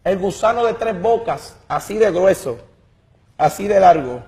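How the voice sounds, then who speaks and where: A man's voice: high-pitched, expressive, a little slow, mellow. A man giving an impassioned religious testimony, emphatic and dramatic, often repeating words as he searches for them.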